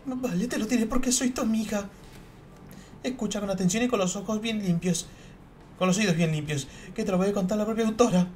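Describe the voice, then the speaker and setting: A man voicing a gloomy, prickly young woman novelist in a fan dub of a video game, in a shrill, haughty voice. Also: fairly quick, a little mellow, a little hiss or hum, lightly acted.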